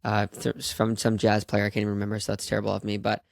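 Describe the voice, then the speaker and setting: A man's voice: on the low side, monotone, fast, creaky, dry recording, clean studio sound. A man hosting a podcast, chatty and friendly, asking his guest questions with lots of fillers. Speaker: podcast host. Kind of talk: casual interview conversation.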